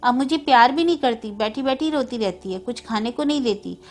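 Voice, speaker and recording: A woman's voice: a little high, brisk, darkish tone, close to an everyday voice. A woman voicing a small boy grieving for his dead mother, pleading and insistent.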